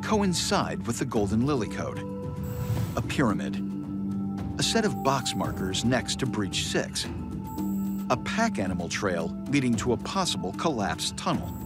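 A man giving scripted documentary narration in a steady, dramatic way. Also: lowish voice, unhurried. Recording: narration over loud music.

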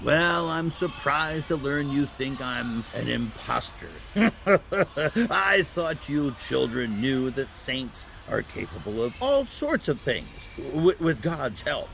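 Kindly old Santa voiced by a man, storybook saint for family audio drama; gravelly, higher-set, swooping delivery. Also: sing-song, slow pace, background noise, heavily acted. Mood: kindly, knowing. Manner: gentle, explanatory, storytelling.

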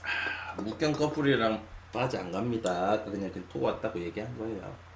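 A man of twenty-nine chatting casually with his stream viewers, musing with long sighs and drifting between loud and quiet. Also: fairly low pitch, moderate pace. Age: 20s. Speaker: live streamer. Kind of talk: casual late-night chat with viewers. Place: small room at a desk. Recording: echoey room, faint hum.

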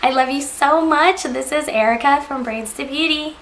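A woman's voice: sits high, normal speed, fairly bright tone, a little hiss or hum. A young woman beauty vlogger with a sick, strained voice, chatting casually through an unboxing with lots of "like" and "um".

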